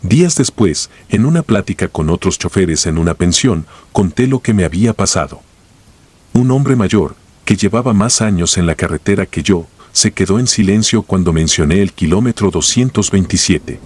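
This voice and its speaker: A man reading a first-person horror story in a slow, grave storytelling manner. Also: low voice, expressive, a little mellow, slightly rough.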